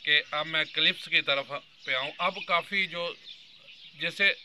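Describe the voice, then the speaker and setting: Bright-voiced man in his fifties commenting. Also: on the high side, unhurried, slight background noise. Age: 50s. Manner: earnest, explaining at length and addressing viewers directly. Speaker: vlogger. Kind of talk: political commentary monologue.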